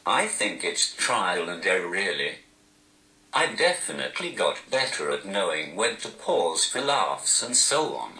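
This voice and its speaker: A man's voice: low voice, big pitch swings, a little slow, bright, forceful tone, roomy sound, low-quality recording. A man, a stand-up comedian, answering interview questions through a text-to-speech device whose voice sounds posh and robotic, with a dry, self-mocking delivery. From Newcastle, England.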